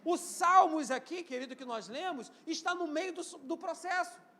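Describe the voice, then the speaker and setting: This is a live church sermon from a Brazilian pastor in his fifties whose voice is notably high for a man and who carries a Rio de Janeiro accent. Animated and at a moderate pace, he builds to loud, emphatic highs and falls back to quieter moments, asking the congregation to repeat after him and say amen.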